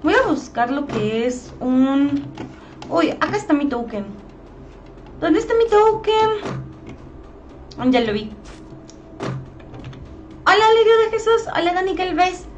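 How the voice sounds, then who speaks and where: A young Mexican woman live-streams a shooter game, her very high voice bouncing between casual commentary and quick hellos to her chat. She talks in a chatty, playful way. A faint hiss of noise sits under the recording. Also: expressive. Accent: Mexican Spanish. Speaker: gaming streamer.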